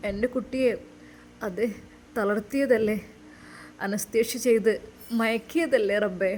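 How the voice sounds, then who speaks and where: Woman doing a soft, grieving father. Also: a little high, measured pace, a little hiss or hum, close to an everyday voice. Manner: soft, broken and pleading. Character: grieving, tender middle-aged father.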